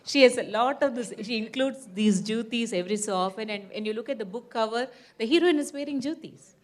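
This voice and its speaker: A woman's voice: fairly high pitch, fairly quick. A woman moderating a live panel informally, chatty and playful with frequent asides. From Mysore, India.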